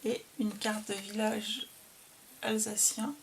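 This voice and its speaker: A woman talking casually as she shows and describes a handmade craft album, hesitant and full of pauses. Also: medium pitch, a little hiss or hum. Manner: slow, hesitant, filled with "euh". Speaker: craft vlogger showing a received album. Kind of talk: casual show-and-tell.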